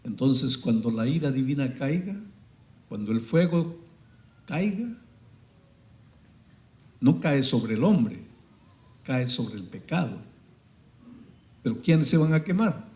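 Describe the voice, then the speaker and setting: A male preacher delivers a sermon at an ordinary middle pitch, retelling a story in hushed, quiet tones before rising into loud, emotional cries. His voice rings out through the echo of a large church hall. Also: animated, slow, long pauses.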